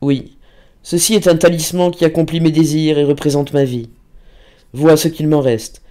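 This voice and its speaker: A man's voice: fairly high pitch, fairly even intonation, normal speed, mellow, natural voice. A man reading aloud and voicing a feverish, tormented young man near death in a storybook. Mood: grave. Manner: anguished, urgent.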